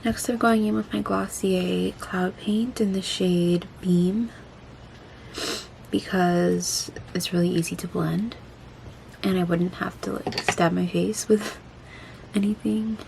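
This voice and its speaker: Creaky-voiced woman, swollen after wisdom teeth removal. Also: on the low side, flat delivery, slow, a little mellow, a little hiss or hum, rough recording. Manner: informal, self-deprecating, chatty asides. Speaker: beauty vlogger. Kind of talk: casual chatty get-ready-with-me makeup vlog.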